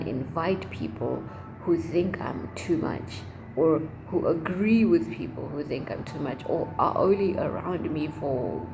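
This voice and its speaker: A young adult woman chatting casually as a vlogger, rambling and expressive, with emphatic, slangy phrasing. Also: sits low, gravelly. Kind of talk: casual chat to camera. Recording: noticeable background noise.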